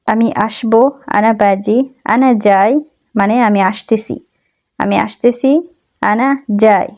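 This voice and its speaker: A young woman teaching phrases in a spoken lesson, repeating each line slowly and carefully in a chatty, humble way. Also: mid-range voice, a little mellow. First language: Bengali. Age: young adult. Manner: slow, careful repetition of phrases. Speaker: language teacher.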